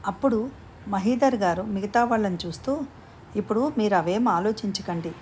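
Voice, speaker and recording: A woman narrates a story in a steady, even voice at a middle pitch. She reads the characters' lines in her own voice rather than doing separate voices. A faint hiss of background noise sits under the recording. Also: moderate pace. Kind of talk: reading a story aloud.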